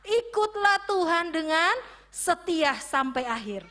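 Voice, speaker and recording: A woman teaching a children's church service, telling a Bible story in an animated way and asking the children questions. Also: extremely high pitch, slow pace. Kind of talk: sermon for children.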